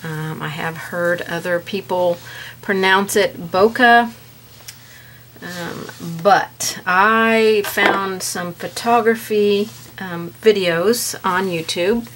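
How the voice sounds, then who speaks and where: A woman teaching a step-by-step painting lesson in a relaxed, chatty way, with many fillers. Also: medium pitch, takes it slowly, slight background noise. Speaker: painting instructor. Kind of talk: paint-along tutorial.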